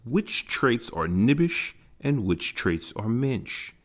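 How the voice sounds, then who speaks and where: A man reading a self-help book aloud in a measured, emphatic way. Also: mid-range voice, sing-song. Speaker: audiobook reader.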